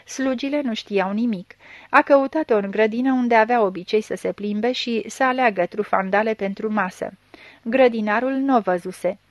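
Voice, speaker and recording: A woman narrating a story in a measured, even reading. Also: fairly high pitch, no room sound. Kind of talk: audiobook reading.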